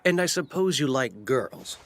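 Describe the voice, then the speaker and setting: A man's voice: medium pitch, expressive, a little slow. A man playing a brash, girl-crazy, clownish teenage schoolboy in an English anime dub. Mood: teasing.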